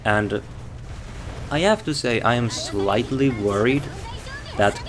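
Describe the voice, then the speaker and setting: A man with a medium-pitched voice gives an unscripted game review, speaking slowly and hesitantly. He thinks aloud and corrects himself as he goes. His first language is Finnish.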